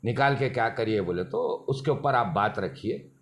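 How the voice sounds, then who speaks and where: A party leader appears as an interview guest, speaking emphatically in long, winding explanations during a casual interview. His voice is on the low side at a normal speed.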